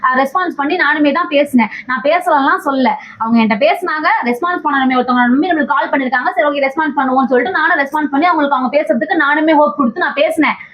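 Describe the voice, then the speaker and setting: High-pitched, fast-talking woman, pleading. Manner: pleading, accusing, repeats the other's name. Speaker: vlogger in a staged argument. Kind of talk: heated confrontation. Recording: dull lo-fi sound.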